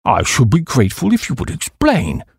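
A man's voice: medium pitch, huge pitch swings, normal speed, creaky, breathy edge, dry recording, studio quality, full character voice. A man voicing a haughty, easily affronted old English duke in an audiobook, stiff and formal. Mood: coldly polite. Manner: stiff, formal, coldly polite.

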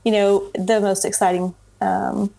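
A woman's voice: mid-range voice, flat delivery, measured pace, creaky, dark tone. A woman speaking casually as an interview guest, telling things in an anecdotal, conversational way. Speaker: interview guest, web business consultant.

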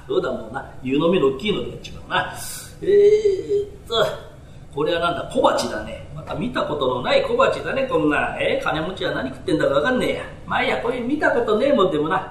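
Brief: storyteller doing a brash Edo burglar, rough street talk, lively swooping voice, live in a roomy hall. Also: male voice, sits high, full character voice. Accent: Tokyo downtown speech. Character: brash, greedy male burglar, cocky and easily fooled. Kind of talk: rakugo storytelling. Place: small storytelling hall before an audience. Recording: roomy hall with faint noise.

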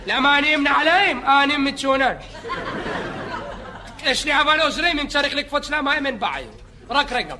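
A man playing a boastful, chatty beach lifeguard who rambles, jokes and yells at bathers in a comedy sketch. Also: very high voice, animated, long pauses, crowd noise. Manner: rambling, joking, shouting at bathers. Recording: live audience laughter and noise. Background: audience laughing.

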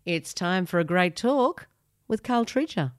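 Low-voiced woman co-hosting a radio show. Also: animated, unhurried, dry recording, clean studio sound. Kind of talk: scripted radio banter and interviewing.

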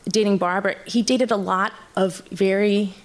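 A woman telling a personal story live on stage, nervous and halting, often restarting her sentences. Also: mid-range voice, fairly even intonation.

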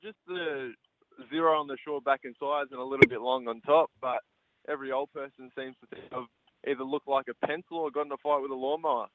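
A young Australian man phones in to a radio show over a narrow, muffled line. He talks casually in a mid-pitched voice, with the laid-back, blokey manner of an Aussie tradesman. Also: fairly even intonation, fast talker. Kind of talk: casual chat. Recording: thin, dull phone line.

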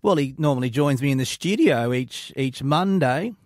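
A man's voice: medium pitch, animated, normal speed, no room sound. A man with an Australian accent hosting a casual radio interview in a chatty, matey way from a studio. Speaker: radio host.

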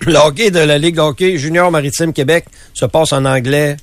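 A man on a radio panel, making blunt, quick remarks in casual debate. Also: a little high, steady tone, no echo.

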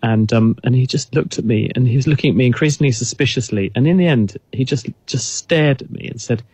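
A man's voice: mid-range voice, a little fast, a little mellow, slightly rough, no echo. A man, a guest expert on a radio chat, explaining thoughtfully with frequent restarts.

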